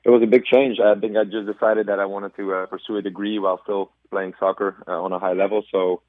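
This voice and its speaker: Over a tinny phone connection, a twenty-something soccer player from Belgium gives considered answers on radio, restarting often and filling with ums. His voice is on the low side, flat and fast, with no room sound.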